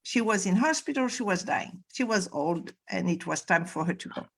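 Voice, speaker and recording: A woman's voice: mid-range voice, expressive, normal speed, creaky, breathy edge. A woman spiritual teacher talking earnestly on a video call, stressing points by repeating words. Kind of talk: conversational interview on a call.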